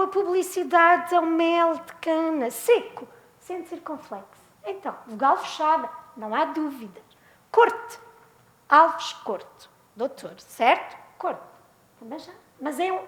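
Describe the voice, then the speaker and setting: A woman with a European Portuguese accent giving a talk on spelling, lively and full of rhetorical questions. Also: high-pitched, reverberant. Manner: animated, asks rhetorical questions. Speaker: lecturer.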